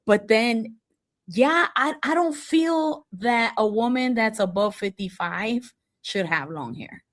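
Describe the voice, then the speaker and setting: A woman's voice: on the high side, expressive, slow. A woman in her forties co-hosting a podcast, chatting casually and giving firm, playful opinions. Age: 40s. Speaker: podcast co-host. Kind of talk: casual chat.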